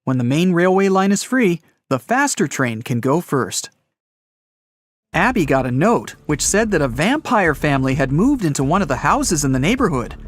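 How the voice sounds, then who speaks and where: Male narrator for riddle stories, slightly high voice, very animated delivery. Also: normal speed, dry recording, studio quality.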